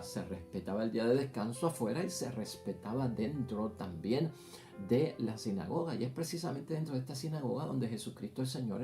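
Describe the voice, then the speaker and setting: Priest giving a homily, warm mellow voice, soft guitar playing underneath. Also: male voice, mid-range voice. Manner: preaching, often repeats "brothers and sisters". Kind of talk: gospel reading and homily. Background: faint guitar music.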